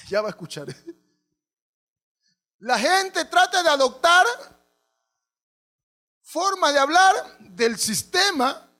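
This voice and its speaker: A man's voice: extremely high pitch, sharp tone. A male pastor, preaching a sermon and putting questions to the congregation.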